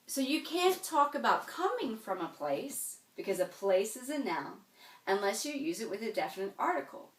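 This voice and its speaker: An American woman teaches a French grammar lesson, patiently explaining each step and often checking in with "okay?". Her fairly high voice is very animated at a moderate pace, heard from a distance in an echoey room.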